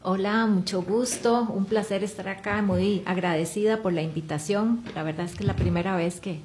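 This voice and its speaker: Woman, radio guest, conversational, speeds up in bursts, mid pitch. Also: steady tone, moderate pace, a little mellow, slight background noise. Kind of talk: interview answers.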